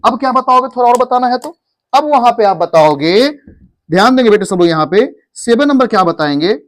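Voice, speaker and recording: In this classroom lesson, an English teacher with an Indian accent talks a little fast, his extremely high voice animated. He poses questions, gets students to repeat, and slips Hindi phrases in among the English.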